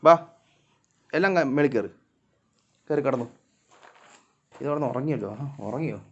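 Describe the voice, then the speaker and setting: A man's voice: medium pitch, normal speed, highs cut off. A man, vlogging in casual talk as he coaxes and calls out to his cats outdoors at home. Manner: coaxing, calls out loudly to the cats.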